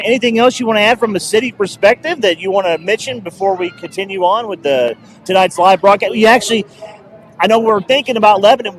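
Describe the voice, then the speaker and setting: A man with a high voice runs a live outdoor street broadcast at a loud festival, holding a handheld mic as he rambles and jokes in an upbeat way. The audio quality is poor.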